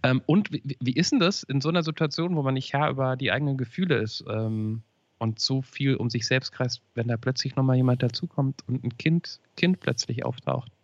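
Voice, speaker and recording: A man hosting a podcast, asking gentle, probing questions, often restarting his sentences. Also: medium pitch, a little fast, no echo, lo-fi sound. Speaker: podcast host. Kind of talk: interview questioning.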